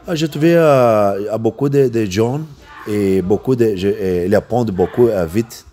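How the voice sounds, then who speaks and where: A man with a foreign accent in French, talking casually as a coach in an interview, halting and repeating himself, slipping in English words. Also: on the low side, mellow, slight background noise. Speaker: MMA coach and seminar instructor.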